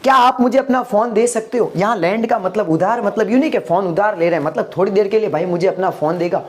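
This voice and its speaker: Man teaching an English lesson. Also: sits high. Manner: rhetorical questions, calls listeners "my dear", checks "are you getting?"; slows to spell out English example sentences. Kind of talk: spoken English lesson explained in Hindi.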